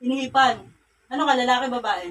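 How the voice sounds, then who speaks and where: A woman's voice: sits high, fast, a bit bright. A woman faith healer with a Cagayan Valley accent, sternly questioning and scolding in a repetitive way. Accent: Filipino, Cagayan Valley. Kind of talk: healing ritual interrogation. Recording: distant mic with faint ambient noise.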